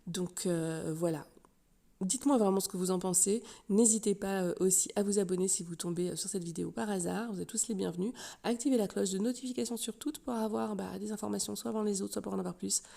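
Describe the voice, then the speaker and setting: Gravelly, mellow woman chatting to viewers. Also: medium pitch, fairly even intonation, fast. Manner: chatty, hesitant, repeats words for emphasis. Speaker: online video commentator. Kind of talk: casual gossip commentary to camera.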